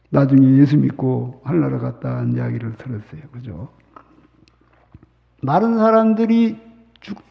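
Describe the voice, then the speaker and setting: A male pastor preaching a sermon dramatically, dropping to whispers and rising to shouts. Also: on the high side, creaky. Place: church sanctuary. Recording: muffled sound with long hall reverb. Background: long reverb.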